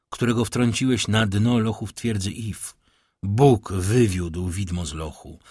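A man voicing a grave, vengeful male count who speaks in a low, measured, solemn way. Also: darkish tone, breathy edge, dry recording, studio quality.

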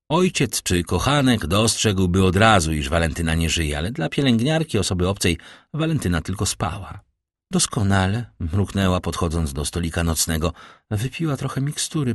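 A man reading an audiobook in a measured, theatrical way, dropping low and quiet for dread. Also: no room sound, clean studio sound. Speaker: audiobook narrator. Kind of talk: dramatic scripted narration.

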